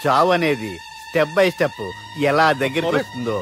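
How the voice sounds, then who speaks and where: A man's voice: on the high side, normal speed, close to an everyday voice. A man playing a comic character who lectures others about death in a film scene. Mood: preachy. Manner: preachy, then panicked shouting. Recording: film soundtrack with music.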